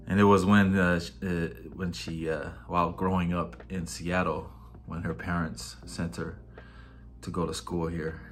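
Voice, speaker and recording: A man with a very low voice recalls family memories in an interview. He pauses often and fills the gaps with soft hesitations. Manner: hesitant, with frequent "uh"s. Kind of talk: reflective interview.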